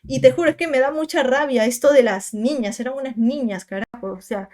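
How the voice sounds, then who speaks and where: A woman's voice: sits high, a little fast, a little mellow. A woman, telling a personal story to her viewers in a chatty, emphatic way, full of asides and tag questions. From Peru. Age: 20s. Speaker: content creator. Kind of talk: casual storytime monologue.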